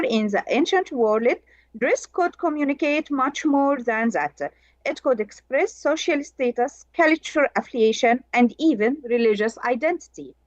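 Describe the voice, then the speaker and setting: Over a video call, a woman from Egypt reads her prepared conference paper with a slow, careful, measured delivery. Her pitch is high. The sound, picked up by a remote computer microphone, comes across dull and dry.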